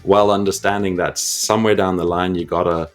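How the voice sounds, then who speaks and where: Deep-voiced man from Zimbabwe. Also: steady tone, fairly quick, faint music behind. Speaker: podcast co-host and guest. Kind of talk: casual interview talk.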